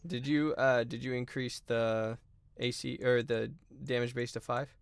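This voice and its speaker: A man's voice: medium pitch, clean tone, dry recording. A man running a tabletop role-playing game as game master, narrating actions with many filler ums. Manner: relaxed, many filler ums, quick rules talk.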